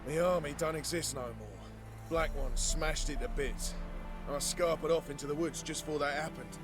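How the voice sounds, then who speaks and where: An actor playing a scruffy, coarse deserter soldier in a video game, with an English accent. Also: male voice, fairly high pitch, measured pace, over music, natural voice. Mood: bitter.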